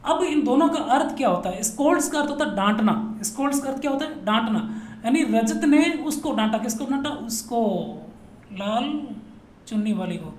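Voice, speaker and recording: A man's voice: very high-pitched, animated, brisk. A male teacher from Rajasthan, India, giving a grammar lesson. He playfully asks questions and answers them himself, repeating each point many times. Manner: drills students, asks and answers his own questions; playful, repetitive. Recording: echoey room with faint noise.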